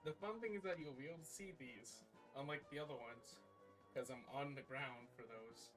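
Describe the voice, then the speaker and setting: A man's voice: mid-range voice, normal speed, music in the background. A man streaming live, chatting casually and counting his exercise reps aloud while catching his breath.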